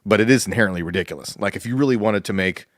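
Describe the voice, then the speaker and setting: A podcast co-host with a lowish voice talks at rapid-fire speed, rambling through casual chat, laughing often, and quoting people in put-on voices. The audio is studio quality with no echo.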